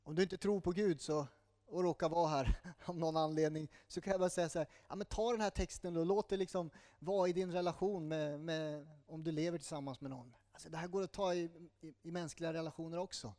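A man preaching a sermon in a conversational style, with asides and small jokes, dropping to a slow, hushed voice on tender lines. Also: fairly high pitch, steady tone. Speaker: pastor.

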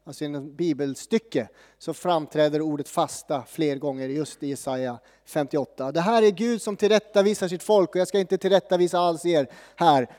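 A man giving a sermon as pastor, casual and joking, with frequent pauses and fillers. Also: fairly high pitch, dark tone, in a large hall.

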